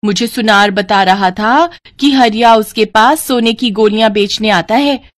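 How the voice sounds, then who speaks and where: A woman's voice: on the high side, a little slow, close to an everyday voice. A woman voicing a curious, gossiping village woman in a cartoon story. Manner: gossiping, wondering aloud.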